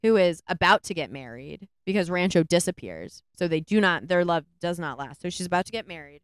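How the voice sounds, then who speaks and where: Smooth-voiced woman rambling through a movie recap. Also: fairly low pitch, fairly quick, no echo, clean studio sound. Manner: rambling, animated retelling with many "like"s. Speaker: podcast co-host. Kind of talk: casual movie review chat.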